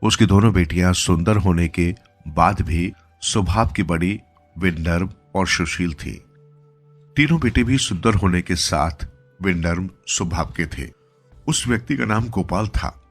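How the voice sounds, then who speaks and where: A man narrating a moral story for listeners in a calm, even, scripted storytelling style. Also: deep voice, unhurried. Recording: soft music bed behind the voice.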